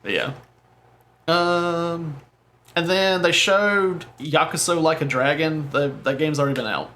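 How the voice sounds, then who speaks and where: A male podcast co-host talks about games in loose, rambling chat, stopping to correct himself mid-sentence. His voice sits a little high. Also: unhurried, pushed and bright. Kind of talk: casual chat.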